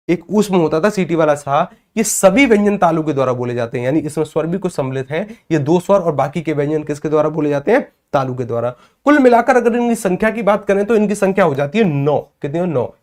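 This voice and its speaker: High-voiced man teaching a class. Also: a little mellow. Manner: asks questions and answers them himself; repeats key terms for emphasis. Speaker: Hindi teacher. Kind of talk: online exam-prep class lecture.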